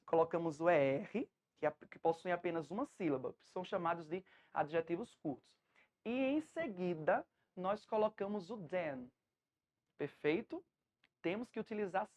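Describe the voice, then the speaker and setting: A woman with a Brazilian Portuguese accent, an English teacher giving a patient, step-by-step lesson to a class at home, checking often that students follow. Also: fairly low pitch.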